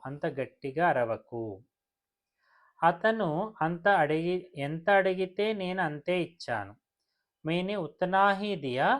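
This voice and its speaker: A language teacher explaining grammar who repeats each example phrase slowly, word by word. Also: mid-range voice. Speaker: Hindi teacher. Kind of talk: language lesson.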